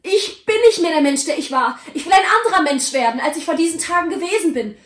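A woman voicing a frightened old miser who pleads in despair, his voice rising high. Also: sing-song, normal speed. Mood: desperate pleading. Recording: roomy echo.

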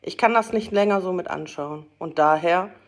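A woman's voice: fairly low pitch, normal speed, lightly acted. A woman voicing an elderly male merchant, mock-stern with his clerk and then earnest and hearty, in a storybook reading. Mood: mock-gruff.

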